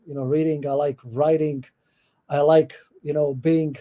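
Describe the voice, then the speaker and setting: A middle-aged Croatian man speaks in a dark, mellow voice, pitched a little high. He answers interview questions thoughtfully, often pausing with "um" and restarting his sentences. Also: flat delivery. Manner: thoughtful, with many fillers and restarts. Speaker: guest professor. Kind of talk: podcast interview.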